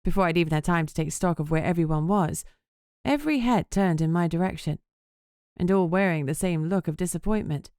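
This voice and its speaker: Wry, self-mocking vampire journalist, read by a woman in a low-pitched voice, first-person storybook narration, dry close sound. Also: fairly quick, a little mellow, smooth, dry recording, close to an everyday voice. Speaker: audiobook narrator.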